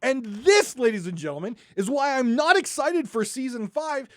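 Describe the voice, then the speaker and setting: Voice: sits high, lively intonation, normal speed, no room sound, studio quality. A podcast host delivering an exasperated, sarcastic ranting monologue into a microphone.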